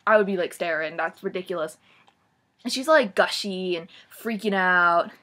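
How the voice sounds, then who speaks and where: A woman's voice: on the low side, moderate pace, pushed and bright. A young woman in her twenties giving a casual, comic book-review rant, sarcastic and swearing freely, with lots of "like" and dramatic groans. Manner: gushing then mocking, dramatic sighs and groans.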